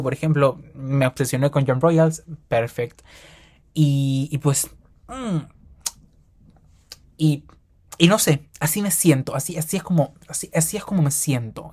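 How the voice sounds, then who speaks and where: A young man hosting a solo podcast, rambling fast and animated with slang and self-corrections. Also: fairly high pitch. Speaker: podcast host. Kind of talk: casual solo podcast monologue.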